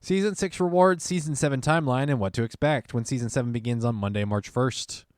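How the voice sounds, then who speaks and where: A young man co-hosts a gaming podcast in a loose, chatty way, reading announcements aloud and adding wry side comments. His voice is mid-pitched and recorded close with no room sound. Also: a little fast, no room sound. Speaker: podcast co-host. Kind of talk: casual chat.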